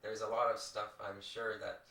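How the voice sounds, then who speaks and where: A young man giving a halting, rambling, casual opinion in a vlog, recorded on old VHS tape. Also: on the low side, flat delivery, bright, forceful tone. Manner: halting, rambling delivery with repeated phrases. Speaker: video host. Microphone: distant microphone, recorded onto a VCR. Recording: echoey, distant, home VHS tape recording.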